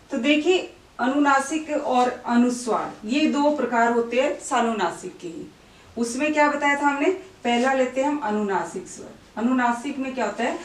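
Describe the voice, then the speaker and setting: A woman with a fairly high voice teaches a grammar lesson one step at a time. She asks questions and answers them herself, and has the listener repeat words with her. The voice is recorded from some distance from the mic in a room with plenty of echo. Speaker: Hindi teacher. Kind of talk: classroom-style grammar lesson. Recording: echoey room, voice away from the mic.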